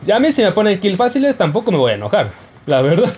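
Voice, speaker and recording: A young gaming YouTuber jokes his way through casual commentary over his gameplay, yelping and laughing as he plays. His voice sits high and sing-song with a darkish tone, and he talks fast over slight background noise.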